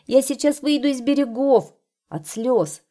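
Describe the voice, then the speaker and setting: A woman voicing a worried lake in a storybook, lamenting loudly. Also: high-pitched, expressive, a little slow, pitched above the performer's own voice. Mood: fretful. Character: troubled, fretful lake.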